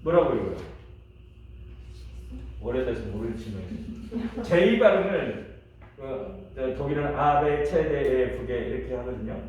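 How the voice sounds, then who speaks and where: A man's voice: medium pitch, lively intonation, measured pace, long pauses, a little mellow. Man lecturing in a very echoey room. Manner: chatty, asks the class questions and laughs. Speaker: pastor teaching a class. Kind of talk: church history lecture. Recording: echoey room, mic from a distance, faint hiss.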